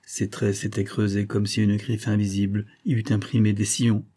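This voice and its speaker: Man, audiobook narrator, measured delivery, warm husky voice. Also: on the low side, level tone.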